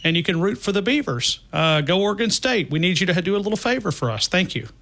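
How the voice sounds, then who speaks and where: A man's voice: high-pitched, sing-song, quick pace, fairly bright tone. A man hosting a call-in sports talk radio show, joking and rambling with callers. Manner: jokey, rambling.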